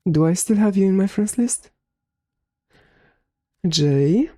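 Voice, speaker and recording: A young woman streaming a game, chatting casually with her viewers, her voice a little hoarse from talking, swearing freely. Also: medium pitch, expressive, slow pace, dark tone, dry recording. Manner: laid-back, swears freely, answers chat. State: slightly hoarse. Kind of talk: casual live-stream chat.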